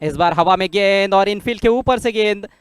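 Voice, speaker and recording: A man giving excited live cricket commentary, exclaiming as his voice rises sharply on big shots. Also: high-pitched, brisk, clear, resonant tone, no echo.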